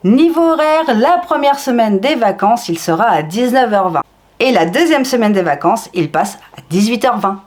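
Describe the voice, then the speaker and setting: A woman vlogger chatting enthusiastically, with fillers and frequent swings in pitch. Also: expressive, normal speed, darkish tone. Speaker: theme park vlogger. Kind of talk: casual vlog narration.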